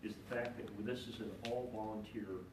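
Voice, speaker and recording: An older man, a retired general, answering on a panel in a measured, reflective way. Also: lowish voice, fairly even intonation, background noise. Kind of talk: panel discussion. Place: event hall. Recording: echoey room from a distance.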